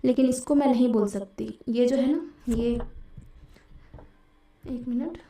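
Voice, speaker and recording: A woman's voice: on the high side, slow pace, mellow, reverberant, recorded from a distance. A woman giving a grammar lesson for exam preparation, explaining step by step and often checking in with the listener. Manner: explanatory, repeats and checks with "theek hai". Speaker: teacher.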